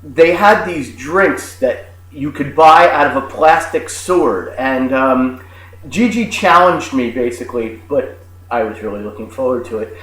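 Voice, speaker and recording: A man in his forties, co-hosting a comedic rant, sarcastic and crude, with many fillers and pauses. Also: medium pitch, animated, fairly bright tone, echoey room, low-quality recording. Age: 40s. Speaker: co-host.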